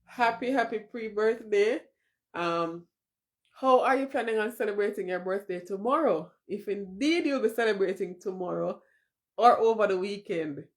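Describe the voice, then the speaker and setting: A woman's voice: medium pitch, expressive, normal speed. A woman in her forties with a Jamaican accent, hosting a casual livestream, talking openly and emotionally and slipping into patois as she answers viewers. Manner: emotional, switches into patois, talks to viewers in chat. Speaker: livestream host.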